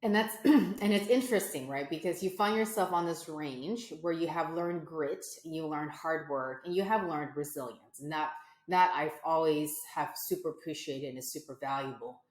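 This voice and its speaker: This American guest entrepreneur, a woman in her forties, sits low in pitch and talks at a moderate pace in an echoey room. It's a conversational interview, and her reflective answers are full of fillers and restarts.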